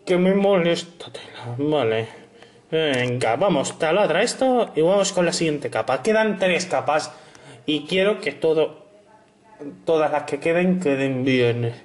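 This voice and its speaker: A young man narrates his puzzle game playthrough in a high, light voice. He takes his time between remarks, cracking jokes and humming silly syllables while he plays. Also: lively intonation, unhurried. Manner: playful, hums and sings nonsense syllables, jokey asides. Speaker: gameplay narrator. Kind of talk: narrated let's play commentary.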